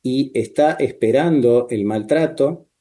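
A man talks as a therapist in a calm, measured way, often tagging his points with short questions. His voice is mellow and dark, at a middle pitch. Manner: measured, with frequent tag questions. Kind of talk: calm explanatory talk.

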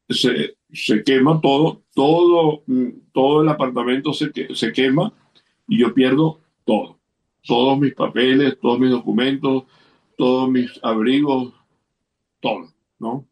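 A man, an interview guest telling a long story casually, with restarts and quoted dialogue. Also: medium pitch.

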